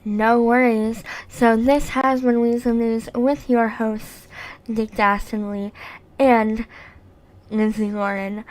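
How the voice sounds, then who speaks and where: Slow, halting woman co-host. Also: a little high, a little mellow. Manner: halting, full of fillers, laughs easily. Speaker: news show co-host. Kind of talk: casual live-stream show wrap-up.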